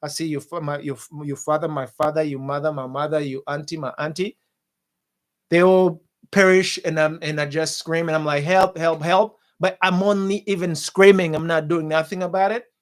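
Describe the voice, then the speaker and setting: A man hosting a talk show, giving impassioned political commentary in a forceful, repetitive way and calling his viewers guys. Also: on the high side, flat delivery, moderate pace. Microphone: studio mic.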